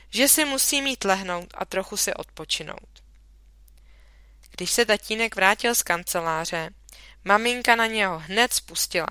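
A woman reading a children's story aloud in a lively, expressive narration. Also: medium pitch, smooth, no room sound. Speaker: audiobook reader.

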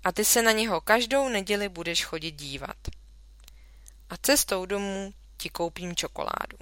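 A kind, patient storybook father, read by a woman, talks softly and reasonably. The voice stays bright and clear, and the recording is close and dry. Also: mid-range voice, no echo, lightly acted. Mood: gentle. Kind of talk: storybook reading.

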